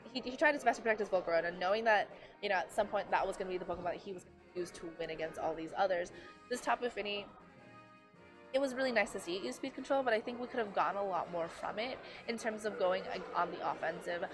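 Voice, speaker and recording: A woman giving live play-by-play commentary on a competitive game, chatty and full of fillers, tired and losing her voice. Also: medium pitch. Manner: chatty, filler-heavy, quick self-corrections. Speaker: esports commentator.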